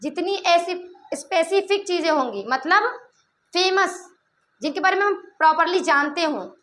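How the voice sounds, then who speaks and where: Very high-voiced woman teacher quizzing pupils. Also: normal speed, fairly bright tone. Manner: keeps quizzing pupils, repeating answers back; playful teasing asides. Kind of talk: classroom lesson with call-and-response. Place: classroom with pupils.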